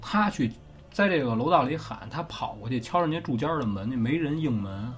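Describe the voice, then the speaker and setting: A man's voice: medium pitch, expressive, fairly quick, soft background music. A man with a Beijing accent casually telling a ghost story as host, swearing offhandedly and often checking that the listener follows.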